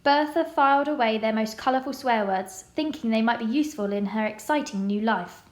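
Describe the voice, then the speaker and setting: A woman reading a children's novel aloud in a measured, expressive way. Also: on the high side, echoey room. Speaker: storybook reader.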